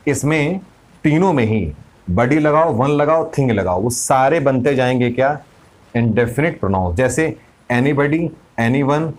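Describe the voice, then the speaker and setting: A man teaching English grammar in a casual lesson, explaining step by step, asking and answering his own questions, slowing down to read examples. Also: medium pitch, low-quality recording. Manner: slows right down to read out example sentences. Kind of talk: casual classroom-style explanation.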